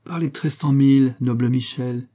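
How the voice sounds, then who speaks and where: A man reading aloud voices an excitable young soldier nobleman with blustering, exclamatory speech. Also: medium pitch, normal speed, voice pushed up, lightly acted. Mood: plaintive.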